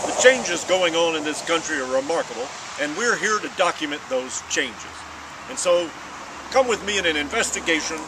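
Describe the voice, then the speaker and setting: A man's voice: a little high, lightly acted. A man playing a pompous, square 1960s TV news anchor in an earnest, stumbling parody newscast. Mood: earnest reporting. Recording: echoey room with faint noise.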